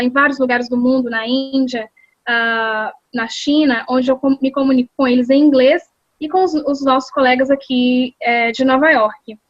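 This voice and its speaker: A Brazilian woman who is an executive secretary and English teacher answers interview questions over a video call, thoughtfully but with frequent fillers and restarts. Her voice sits high, with no echo and dull audio.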